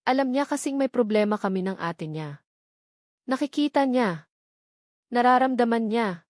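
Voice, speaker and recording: A woman reading a romance story aloud in the first person, in a measured, emotional storytelling manner. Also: on the high side, animated, no echo, studio quality. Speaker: audiobook narrator.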